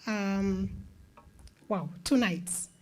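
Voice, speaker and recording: A woman's voice: medium pitch, extremely slow. A woman, a co-director reading out raffle numbers at an event, casual and chatty with hesitant fillers. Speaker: co-director drawing raffle winners.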